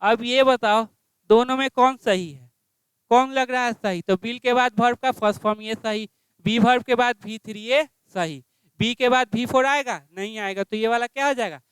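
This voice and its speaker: A man's voice: very high voice, moderate pace, fairly bright tone, clean tone, no echo. A male English teacher teaching grammar. He quizzes his class with repeated questions and spells out phrases word by word.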